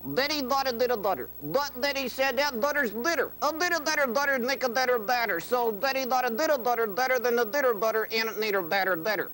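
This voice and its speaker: A man's voice: very high voice, very animated, slow pace, fairly bright tone, voice pushed up, full character voice. A man voicing a brash, wisecracking male ventriloquist dummy in a cheeky comedy routine, full of exclamations and heckling. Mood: showing off. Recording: noisy old TV videotape audio.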